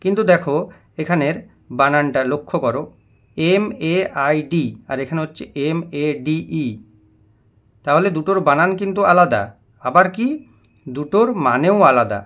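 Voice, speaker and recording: A man's voice: fairly high pitch, animated, fairly bright tone. A man teaching an English lesson, explaining vocabulary patiently and spelling words out letter by letter. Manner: slow, deliberate reading of English example sentences.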